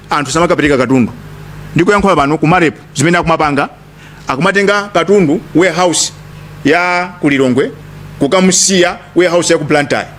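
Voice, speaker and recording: A man's voice: on the high side, a bit bright, a little hiss or hum. A man with a Malawian accent giving an emphatic political speech at a press briefing, often repeating phrases. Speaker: lead speaker at a press briefing.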